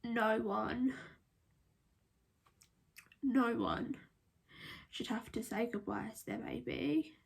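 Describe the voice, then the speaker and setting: A woman telling a personal story to camera while crying and trying to hold back tears, halting and breaking into whispers. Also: a little high, creaky, husky. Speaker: vlogger.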